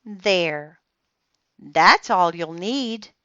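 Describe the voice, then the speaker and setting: A woman's voice: lowish voice, animated, very slow, pushed and bright, dry recording, heavily acted. A woman voicing a mother who speaks firmly and patiently, on a slightly muffled dry recording. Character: patient, brisk mother of a young girl.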